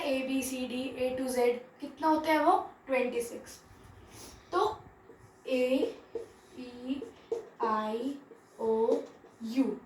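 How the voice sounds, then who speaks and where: A woman's voice: high voice, distant mic. A woman teaches grammar to a class. She asks a question, then answers it herself. She sounds set back from the microphone in an echoey room. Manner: asks rhetorical questions and answers them herself, checks in with "theek hai". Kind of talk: classroom grammar lesson mixing Hindi and English.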